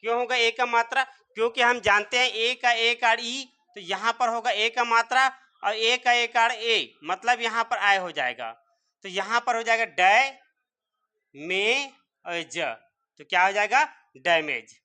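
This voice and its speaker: A male teacher with a bright, sharp-edged voice walks through words one sound at a time. He keeps asking the class a question and then answering it himself, in a steady classroom rhythm. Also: very high-pitched, moderate pace, clear, resonant tone. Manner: repeats rhetorical questions and answers them himself. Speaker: English teacher. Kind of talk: classroom-style spelling and pronunciation lesson.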